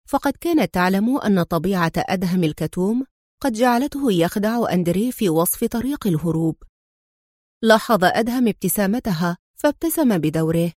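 A woman narrates an audiobook in a measured, expressive way. Her voice sits in a middle range, and the recording is dry and close. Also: mid-range voice, no echo. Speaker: storyteller.

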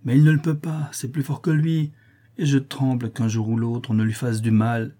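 Male reader doing a plaintive young Parisian working girl, mellow and husky. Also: little pitch movement, normal speed, lightly acted. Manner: tender, plaintive, lifting into a higher voice. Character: young working Parisian woman, sweet and worried. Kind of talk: audiobook character reading.

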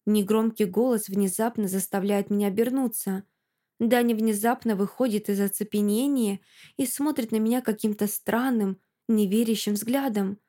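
Expressive woman reading an audiobook. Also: mid-range voice, moderate pace. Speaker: audiobook narrator. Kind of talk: first-person audiobook narration.

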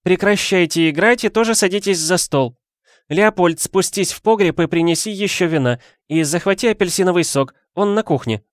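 A man voicing a bossy, loud middle-aged aunt who barks orders in an audiobook. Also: lowish voice, moderate pace, no echo, clean studio sound, pitched above the performer's own voice, close to an everyday voice. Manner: barking, commanding. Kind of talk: audiobook character voice.

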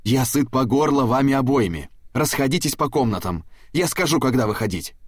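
A man's voice: medium pitch, animated, brisk, slightly rough, dry recording, clean studio sound, voice pushed up. A man voicing a stern middle-aged father in an audiobook, speaking in a commanding, barking way.

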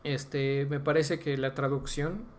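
A man's voice: a little high, fairly even intonation, slow. A young Mexican man on a casual podcast, explaining at length and tagging nearly every phrase with a slang filler. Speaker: podcast co-host. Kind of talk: casual chat.

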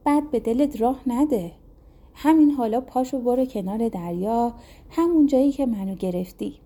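The fisherman's wife, a calm magical maiden from the sea, who soothes him and recites a sing-song charm, voiced by a woman narrator. Mellow and fairly high. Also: natural voice. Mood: reassuring. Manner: soothing, chant-like incantation.

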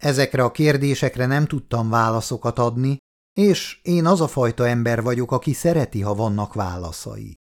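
An animated, natural-sounding man at medium pitch reads an audiobook, giving voice to a curious young woman official. Earnest in manner, she asks things directly and keeps politely insisting.

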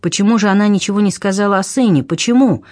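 A man's voice: high voice, fast talker, a little mellow, dry recording, studio quality, pitched above the performer's own voice, lightly acted. A man voicing a stern, scornful duke. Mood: alarmed. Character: stern, contemptuous older nobleman, a duke. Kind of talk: audiobook character reading.

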